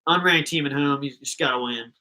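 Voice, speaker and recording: A man's voice: a little high, fairly quick, pushed and bright, rough recording. A young man hosting a live fan reaction stream, chatting casually and rambling between thoughts.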